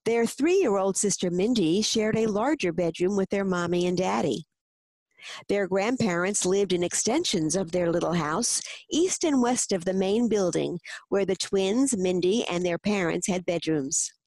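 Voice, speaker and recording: A woman narrating a children's story in an expressive storytelling manner. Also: mid-range voice, unhurried, no echo.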